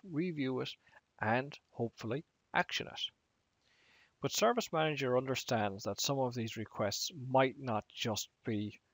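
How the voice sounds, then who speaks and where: A man giving a technical training lecture on IT management, speaking in a measured way and slowing down to stress key words. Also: mid-range voice, no room sound.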